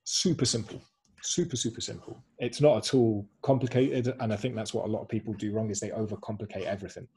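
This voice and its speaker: A man's voice: fairly low pitch, fairly even intonation, fast talker, vocal fry, warm tone, a little hiss or hum. A man co-hosting a webinar over a video call, presenting slides in an upbeat way, repeating short slogans with plenty of "um"s.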